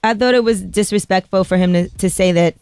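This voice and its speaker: A woman's voice: mid-range voice, brisk, darkish tone, smooth, dry recording. Dry-sounding woman radio host. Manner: brief affirmations and short prompting questions. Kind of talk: radio interview.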